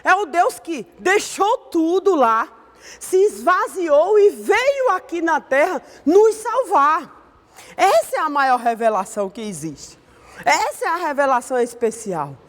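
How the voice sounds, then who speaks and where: A woman's voice: extremely high pitch, sing-song, a little slow, big-room sound. A woman with a Brazilian accent teaching an online Sunday school Bible lesson in a conversational way, often ending her sentences with a questioning tag. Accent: Brazilian Portuguese.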